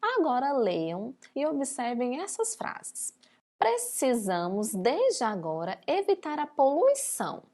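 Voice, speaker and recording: A woman's voice: high voice, huge pitch swings, slow pace, dark tone. A Brazilian woman teacher giving a recorded lesson to young pupils, stretching out words syllable by syllable. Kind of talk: recorded remote school lesson.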